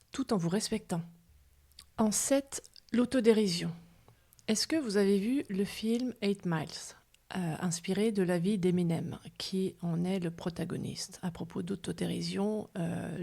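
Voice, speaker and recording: A woman hosting a podcast, giving calm, measured advice in a partly read talk, softly spoken in places. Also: mid-range voice, slightly rough. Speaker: podcast host.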